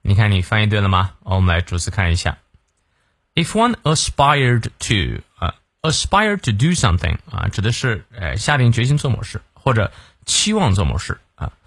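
A male English teacher explaining sentences bit by bit, with many fillers, reading the English lines slowly and carefully. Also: lowish voice, very animated, no room sound, studio quality. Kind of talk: morning English reading lesson.

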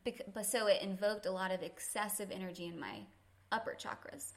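A woman's voice: medium pitch, fairly quick. A woman yoga instructor, a podcast guest, telling earnest and reflective stories about faith and teaching, laughing easily. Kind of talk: faith-centered conversational storytelling.

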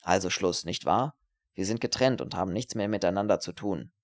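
A man's voice: low-pitched, brisk, pitched below the performer's own voice, lightly acted. A man voicing a selfish, cowardly young male student in an audiobook, pleading nervously and turning spiteful. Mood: anxious. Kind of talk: audiobook character reading.

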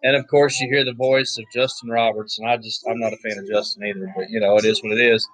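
A hoarse man, giving laid-back, chatty play-by-play commentary on a wrestling match, with offhand asides. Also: lowish voice, flat delivery, fast talker, a bit bright, no room sound, rough recording. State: hoarse, losing his voice. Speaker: wrestling watch-along commentator.

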